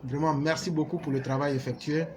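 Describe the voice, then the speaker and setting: A man's voice: fairly high pitch, fairly even intonation, a little fast, darkish tone. A man courteously hosting a live call-in show. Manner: courteous, frequent listening murmurs. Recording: clearly noisy background.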